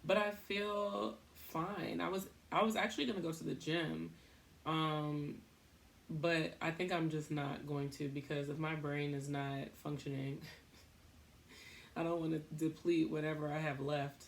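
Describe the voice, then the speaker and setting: A young woman hosting a podcast, talking in a casual, rambling way, thinking out loud and laughing at herself. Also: low-pitched, fairly even intonation, measured pace, gravelly, a little hiss or hum. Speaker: podcast host.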